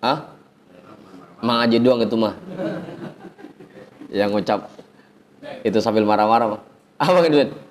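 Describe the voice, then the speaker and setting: A man teaching an informal religious lesson, chanting Arabic phrases slowly, then explaining in a chatty, teasing way. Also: lowish voice, slight background noise. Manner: chatty, teasing the audience, colloquial asides. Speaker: ustadz teaching a religious study circle.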